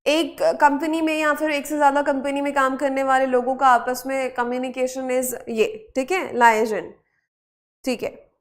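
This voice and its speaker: High-voiced woman teaching spelling. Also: little pitch movement, a little slow. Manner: coaxing, repeats questions and answers to students; mixes Hindi with English words. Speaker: English teacher. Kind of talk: online vocabulary and spelling class.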